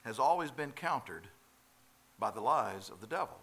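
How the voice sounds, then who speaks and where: A man preaching a sermon, growing emphatic and loud on key phrases and slowing down to read scripture. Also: mid-range voice, sing-song, gravelly. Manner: slows down for quoted scripture.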